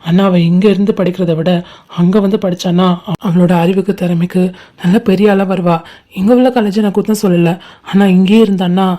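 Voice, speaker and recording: Calm, reassuring young husband, voiced by a woman; low, mellow tone; patient explainer for a homemade cartoon. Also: brisk, natural voice. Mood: persuasive. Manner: steady, soothing, explains patiently. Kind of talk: amateur cartoon voice acting.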